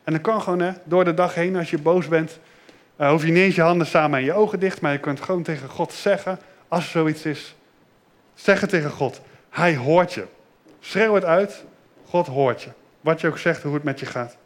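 A man giving a children's sermon in a simple, gentle way, asking the children questions and repeating their answers. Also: on the high side, normal speed. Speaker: children's pastor.

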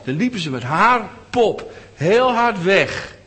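Middle-aged male children's storyteller, lively and fairly high, questions the kids as he goes. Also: slow, long reverb tail. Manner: animated, asks listeners questions.

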